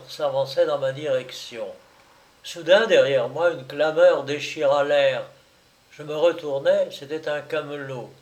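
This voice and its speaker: A man narrating a literary story in a measured, expressive reading. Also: on the high side, reverberant.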